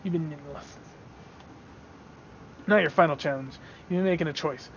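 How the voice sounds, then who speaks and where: A man's voice: fairly high pitch, a little hiss or hum, lightly acted. Man putting on a mocking pirate quizmaster. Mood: commanding. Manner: pirate slang, slow and mocking. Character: gruff male pirate quizmaster testing newcomers. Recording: slightly dull lo-fi audio.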